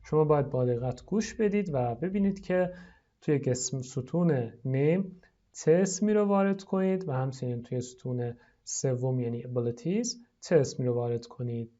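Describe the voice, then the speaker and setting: A teacher explaining vocabulary in Persian, patient and instructional. English phrases are pronounced very slowly and clearly for learners to repeat. The recording sounds dull and lo-fi. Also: medium pitch, warm tone. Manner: explains slowly, then models English words drawn out for repetition. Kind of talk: online lesson in Persian.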